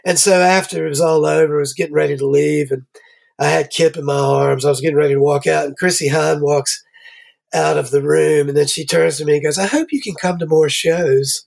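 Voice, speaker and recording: A man, a guest musician, rambling through an animated anecdote in casual conversation. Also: a little high, fairly quick, creaky.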